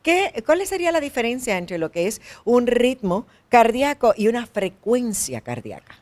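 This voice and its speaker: A woman's voice: fairly high pitch, big pitch swings, normal speed, a little mellow. A woman hosting a health interview, asking questions and rephrasing the answers for listeners. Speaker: health show host.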